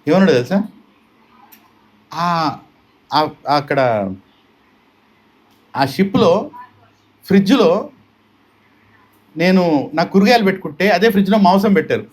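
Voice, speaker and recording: A man's voice: sits high, darkish tone. A man giving a devotional sermon at a home gathering, emphatic and full of rhetorical questions, slipping into English now and then. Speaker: devotional speaker. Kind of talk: sermon-style storytelling.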